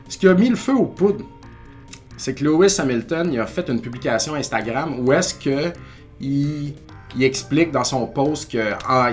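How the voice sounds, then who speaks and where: A man with a Québécois French accent, hosting a podcast and telling a story in a casual, animated way, acting out what people said. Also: medium pitch. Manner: animated, acts out quoted voices. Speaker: podcast host.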